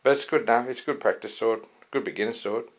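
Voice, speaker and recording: A man's voice: medium pitch, fast talker. A man giving a casual, rambling product review with many fillers and restarts. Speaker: sword reviewer.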